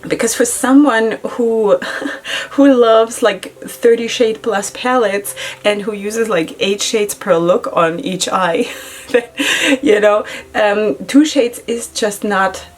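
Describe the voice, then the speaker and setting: With soft background music playing, a middle-aged beauty vlogger chats casually through her makeup at a home setup in Israel. English is not her first language, and her medium-pitched talk is chatty, giggly and full of "you know" and "like."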